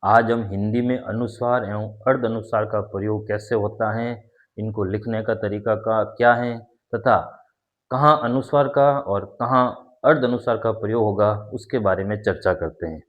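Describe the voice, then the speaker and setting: A man's voice: lowish voice, normal speed, muffled recording. A man teaching a grammar lesson, explaining step by step and repeating key points while he demonstrates sounds.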